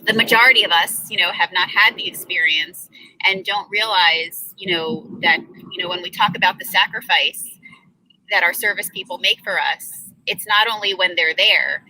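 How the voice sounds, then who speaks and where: Female interview host, middle-aged, bright and slightly low, filler-heavy casual delivery. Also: moderate pace, a little hiss or hum, rough recording. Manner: many fillers, warm thanks to guests. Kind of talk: conversational interview.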